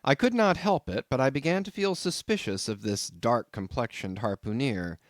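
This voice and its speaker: Here a male audiobook narrator performs scripted narration of a classic novel, measured and expressive like a storyteller. The mid-range voice is captured dry, at studio quality.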